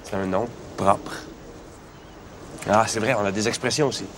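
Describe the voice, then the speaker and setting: A man's voice: lowish voice, fairly even intonation, normal speed, natural voice. An actor playing a Québécois cop who cheerfully explains swear words to his partner. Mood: amused. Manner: amused, explanatory. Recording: film clip with loud noise.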